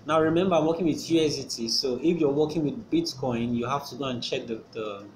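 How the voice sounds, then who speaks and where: A man at a middle pitch walks through a casual screen-recorded tutorial, pausing often with fillers and restarting his sentences. Clear background noise hangs under his voice throughout. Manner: hesitant, with many fillers and restarts. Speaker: channel host explaining trading. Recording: noisy background ambience.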